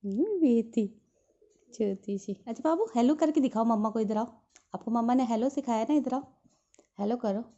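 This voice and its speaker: A woman's voice: a little high, normal speed, dark tone, highs cut off. A woman coaxing her pet parrot in doting baby talk. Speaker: pet owner.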